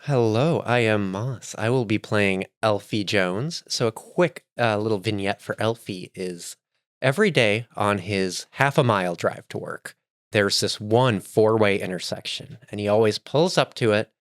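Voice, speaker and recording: A man's voice: lowish voice, a little slow, dry recording, studio quality. A man introducing his character on a role-play podcast in a casual, laughing way. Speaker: player. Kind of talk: casual chat.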